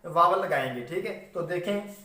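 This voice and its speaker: A man's voice: sits high, lively intonation, normal speed, sharp tone. A man giving a shorthand lecture, explaining patiently and repeating checks with students as he spells out words letter by letter. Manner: patient, repetitive explaining, frequent "theek hai" checks. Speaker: shorthand teacher. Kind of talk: classroom lecture. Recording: very echoey room, voice from a distance.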